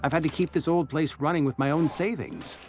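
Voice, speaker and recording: An actor playing a broke, world-weary barber in a video game, politely formal, apologetic and resigned. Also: male voice, on the high side, fairly quick, music in the background, natural voice. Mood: weary, earnest. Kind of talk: video game character dialogue.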